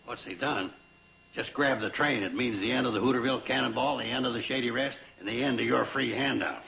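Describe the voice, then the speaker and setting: A man's voice: mid-range voice, brisk, gravelly, sharp tone. An actor playing a folksy, scornful small-town man with exasperated phrasing in a 1960s television sitcom. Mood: scornful, grumbling. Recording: roomy, noisy old television soundtrack.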